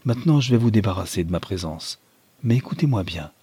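A blunt, hot-headed young countryman, voiced by a male reader, curt and quick to threaten. The voice is husky and dark, recorded dry and close. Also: on the low side, expressive, dry recording, exaggerated voice. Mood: angry, blunt. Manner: curt and angry.

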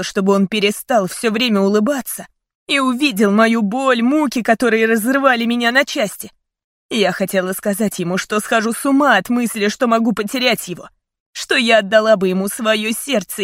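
A woman's voice: a little high, normal speed, dry recording, studio quality. A woman narrating an audiobook in first person, earnest and heartfelt.

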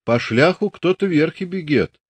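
A man's voice: on the high side, animated, normal speed, breathy edge, no echo, pitched above the performer's own voice. A man voicing a puzzled, cautious young Cossack man who protests in bewilderment, in a dry recording. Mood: bewildered.

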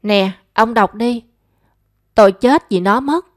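A nagging, money-minded middle-aged mother from an audio storybook, scolding, as a woman narrator puts her on. Her complaints sound shrill and insistent. The recording is close and dry, with no room sound. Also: takes it slowly, no room sound. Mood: wailing.

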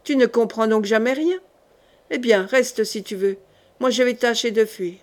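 A woman's voice: fairly high pitch, normal speed, lightly acted. A woman voicing a sly, blustering male mercenary in an audiobook, scornful and bossy. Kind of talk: audiobook character voice.

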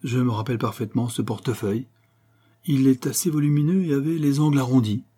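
A man doing a nervous, slightly hoarse nobleman. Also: medium pitch, fairly even intonation, fast, dark tone, voice pushed up, lightly acted. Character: nervous Spanish nobleman, card player.

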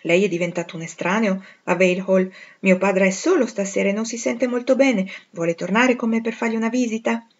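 A woman's voice: medium pitch, fairly even intonation, a little fast, hardly any pauses, lightly acted. Woman reading as a cheerful coaxing young lady. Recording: dull lo-fi recording.

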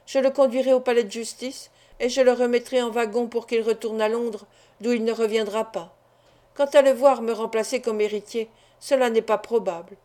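A woman's voice: a little high, fairly even intonation, moderate pace, warm tone, natural voice. A woman reading the lines of a self-interested older male business partner in an audiobook, insistent and persuasive. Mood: pressing.

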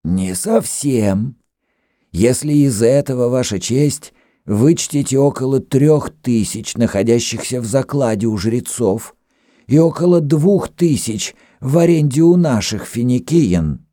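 A man's voice: mid-range voice, expressive, measured pace, dry recording, studio quality, pitched above the performer's own voice, close to an everyday voice. A man voicing a grey-bearded old Phoenician prince and shipowner who argues insistently. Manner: shouting, insistent.

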